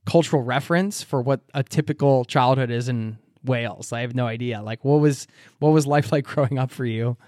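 An American man hosting a travel podcast, speaking in a reflective, animated way with occasional laughs. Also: mid-range voice, a little fast, dry recording, clean studio sound. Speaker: podcast host. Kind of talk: podcast interview.

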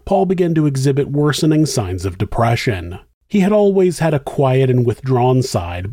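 A man narrating a true crime show as its host, in a suspenseful, measured and grave scripted storytelling style. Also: mid-range voice, warm tone, no room sound, studio quality.

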